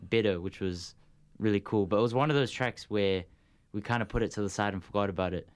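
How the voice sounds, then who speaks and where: Producer guy, smooth clear voice, kinda halting, lots of ums. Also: fairly low pitch. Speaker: music producer. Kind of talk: casual chat.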